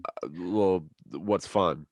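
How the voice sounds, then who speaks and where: A man's voice: low voice, extremely slow, darkish tone, dry recording, studio quality. A young man hosting a sports podcast over a video call, joking and crude in casual banter. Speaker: podcast host. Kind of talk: casual chat.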